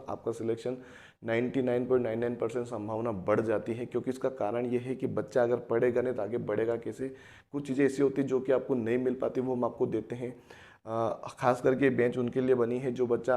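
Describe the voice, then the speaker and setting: Male tutor, mid-pitched, step-by-step explainer, addresses kids directly. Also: dark tone. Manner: explains step by step, often asks and answers himself; addresses students as children, repeats key phrases. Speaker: teacher. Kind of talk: online math lesson.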